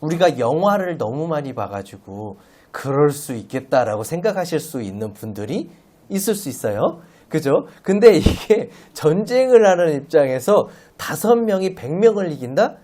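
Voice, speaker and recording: Man, lay preacher, Sunday sermon, playful, expressive up-and-down pitch, rhetorical questions. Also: normal speed. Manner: animated, asks the congregation rhetorical questions; playful, uses everyday comparisons.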